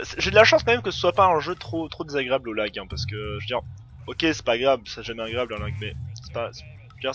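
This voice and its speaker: Bright-voiced man narrating gameplay. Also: mid-range voice. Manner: chatty, laughs often, thinks aloud. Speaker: gameplay commentator. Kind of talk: let's play commentary.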